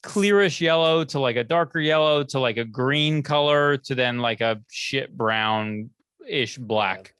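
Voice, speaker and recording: Man, middle-aged, casual podcast co-host, rambling, loose, mid-pitched, dry close recording. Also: unhurried, a bit bright, clean tone, no room sound. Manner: rambling, loose, restarts and self-corrections.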